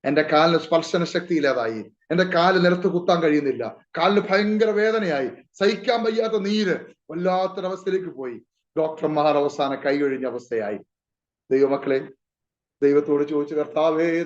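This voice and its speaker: A man's voice: on the high side, moderate pace, roomy sound. A male pastor preaching an emotional personal testimony, calling out to his listeners again and again. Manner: emotional, calls out to the congregation often. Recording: muffled lo-fi recording.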